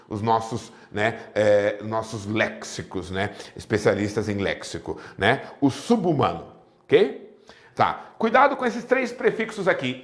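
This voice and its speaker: A man with a Brazilian Portuguese accent teaching a lively exam-prep grammar lesson, often asking rhetorical questions. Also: fairly high pitch.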